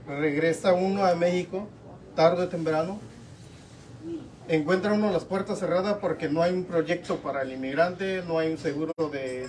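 A man's voice: fairly high pitch, noisy background. A man giving an earnest, hesitant talk to a community meeting in a small room, with many fillers. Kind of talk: impromptu speech at a meeting. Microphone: far camera. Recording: distant camera mic, crowd murmur.

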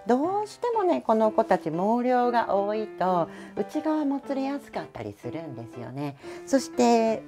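A middle-aged woman with a Kansai Japanese accent, a cat groomer talking through a grooming demo in a chatty way, tagging phrases with little asides and giggles. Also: fairly low pitch. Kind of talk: grooming demonstration talk.

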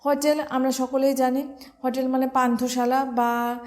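A woman's voice: sits high, level tone, normal speed, a little mellow. A woman with a Bengali accent teaching English vocabulary for exams, explaining each word step by step and spelling it out letter by letter. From West Bengal, India. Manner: explains step by step, spells words letter by letter, asks and answers own questions. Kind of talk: exam-prep vocabulary lesson.

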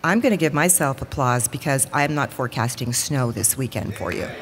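Her voice rumbles low yet stays expressive and brisk as this forties-aged TV weather reporter delivers a rallying, upbeat formal welcome from a stage lectern in a large hall. Heavy background noise accompanies the lectern-mic recording, along with long hall reverb.

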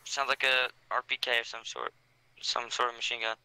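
A man's voice: mid-range voice, little pitch movement, fairly quick, bright, forceful tone, clear, resonant tone, low-quality recording. A man playing a military game, making terse radio-style callouts to his squad. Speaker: player calling out contacts. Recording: game voice chat, faint noise.

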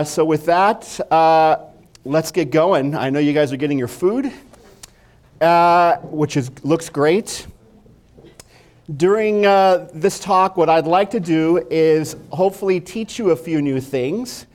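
A middle-aged Mexican physician lectures on a dark indoor stage at a conference, keeping it friendly and conversational and asking the audience questions. His voice sits on the high side and is a little mellow.

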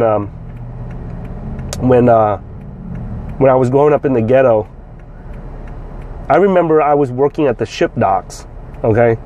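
A Vietnamese man in his forties from the South, a vlogger and trader, talks casually to camera from a parked car outdoors, blunt, swearing freely, gesturing animatedly and repeating words as he restarts. His pitch is fairly high. He's filmed by a phone or camera at arm's length with a lapel mic, with faint car and street noise.

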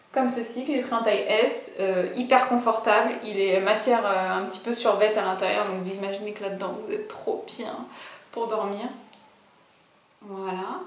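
A woman's voice: medium pitch, steady tone, normal speed, echoey room, slight background noise. A young woman vlogger chatting casually through a clothing haul, bubbly and full of fillers and asides.

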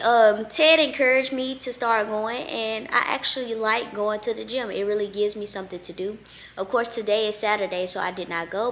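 A young woman, chatting casually to viewers from her living room about her day, errands and workouts. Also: fairly high pitch. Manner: chatty, animated, addresses viewers as y'all. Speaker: lifestyle vlogger. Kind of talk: casual vlog chat to camera. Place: bright open-plan living room, indoors.

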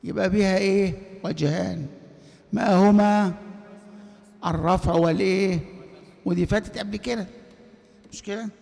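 Egyptian male teacher with a high voice, constantly quizzing his students, in a large echoing mosque hall. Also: fairly even intonation, normal speed, gravelly, pauses often, darkish tone. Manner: quizzing, leaves sentences open for students to finish. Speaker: grammar teacher. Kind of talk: classroom lecture. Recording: reverberant hall.

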